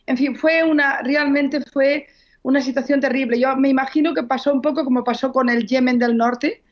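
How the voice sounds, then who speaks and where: In an interview, a novelist guest recounts history in a slightly high, steady voice at a moderate pace. She speaks fluently and earnestly, telling stories and sometimes pausing to correct herself. The audio is dull and lo-fi.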